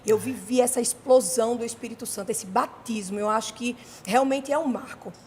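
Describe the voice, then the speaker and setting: A woman's voice: fairly high pitch, fairly quick, slight background noise. Brazilian woman hosting, reverberant room. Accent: Brazilian Portuguese. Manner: warm affirming interjections, reflective. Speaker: podcast host. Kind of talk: casual interview.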